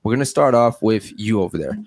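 A man's voice: on the low side, animated, fast talker, a little mellow, no echo, clean studio sound. A young adult man hosting a podcast, questioning guests in a blunt, crude, teasing way. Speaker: podcast host. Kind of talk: blunt questioning panel talk.

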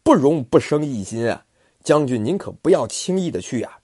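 A man's voice: medium pitch, big pitch swings, normal speed, warm tone, breathy edge, dry recording, studio quality, voice pushed up. A man voicing a cautious male adviser earnestly warning a general in a told classic tale.

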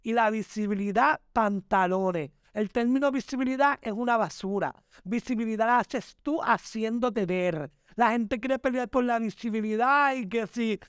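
High-voiced emphatic man. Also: normal speed, hardly any pauses, clear, resonant tone, no room sound, clean studio sound. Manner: emphatic, preachy, dramatic, addresses listener as "mi amor". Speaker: podcast guest, entertainer. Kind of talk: motivational podcast conversation.

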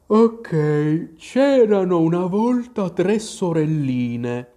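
A man doing a drowsy, hoarse dormouse. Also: sits high, animated, dark tone, pitched above the performer's own voice, exaggerated voice. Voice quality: hoarse, faint. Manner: drawn-out, drowsy speech. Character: sleepy male dormouse, slow and grumpy.

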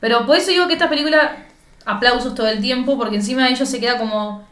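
A young woman with an Argentine Rioplatense accent in an animated, slangy casual chat as a co-host. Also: fairly high pitch, fast talker. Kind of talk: casual chat recapping a film. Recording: echoey room.

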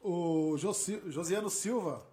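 An excitable man hosts a casual podcast. His voice sits high, and he rattles off shout-outs with easy energy. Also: slow pace. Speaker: podcast host.

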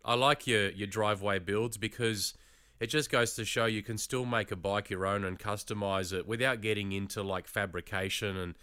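A man hosting a casual interview in an encouraging, conversational way with a smooth, clear voice. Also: lowish voice, steady tone, moderate pace, bright, forceful tone, no room sound. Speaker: host interviewing a YouTuber.

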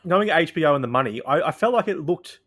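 Man co-host, quick delivery, calm explainer, casual review chat. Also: a little high. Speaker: podcast co-host.

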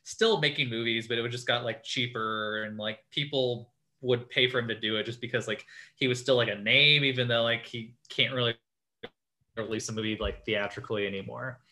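A man's voice: medium pitch, steady tone, brisk, pushed and bright. Rambling young man telling a story. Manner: rambling storyteller, heavy use of "like". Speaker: podcast host. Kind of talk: casual chat.

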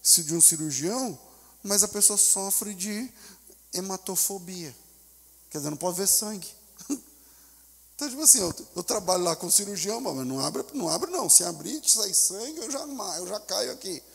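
A high, gravelly, husky male voice with a Brazilian Portuguese accent, preaching from the pulpit. He drops to quiet, confiding asides and then climbs to loud, fervent cries, putting on the voices of the people he tells about. A long reverb from the church hall trails each phrase. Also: lively intonation, moderate pace. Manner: acts out voices of church members and a desperate mother. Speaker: pastor. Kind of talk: sermon.

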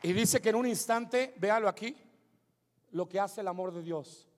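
A male pastor preaching a sermon, moving between shouted climaxes and hushed asides. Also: high voice, moderate pace, in a large hall. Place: church sanctuary with congregation.

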